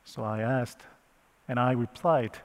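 Slow emotional storyteller in an echoing hall. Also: male voice, mid-range voice, steady tone. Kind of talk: first-person dramatic retelling of a Bible story.

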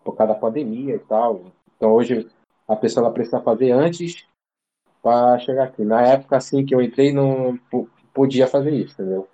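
A man's voice: mid-range voice, fairly quick, mellow, highs cut off. A man from Brazil in casual interview chat, telling a story in a slangy, rambling way full of fillers and restarts. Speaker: interview guest. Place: living abroad in Ireland.

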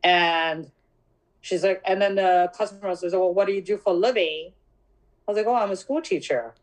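A woman in her thirties telling a story in casual podcast chat, animated, acting out dialogue and laughing often. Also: on the low side, moderate pace, low-quality recording. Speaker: podcast co-host.

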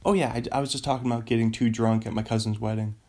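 Husky-voiced man rambling comedically. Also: mid-range voice, fairly even intonation, fast, mellow. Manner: rambling, self-amused, laughs at own jokes. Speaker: comedian host. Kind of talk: casual comedy monologue.

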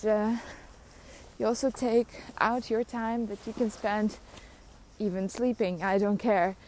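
A woman's voice: fairly high pitch, a little mellow, a little hiss or hum. A young adult woman hosting a podcast, rambling through a casual solo rant, mocking herself and laughing often. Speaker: podcast host.

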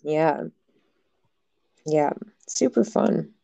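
A woman's voice: low-pitched, expressive, extremely slow, creaky, warm tone, no room sound, muffled recording. A young woman hosting a casual podcast, frank and jokey, swearing freely as she talks. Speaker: podcast host.

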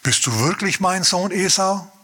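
A man's voice: sits high, expressive, a little slow, sharp tone, husky, voice pushed up, exaggerated voice. A man voicing an old blind father who keeps doubting and questioning his son, told within a sermon. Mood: doubtful. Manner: suspicious, repeated questioning.

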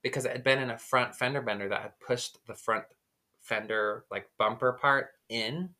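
A man's voice: medium pitch, steady tone, moderate pace, sharp tone. A man co-hosting a podcast, telling a long story in casual chat, full of "like" fillers. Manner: rambling, lots of "like" fillers. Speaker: podcast co-host.

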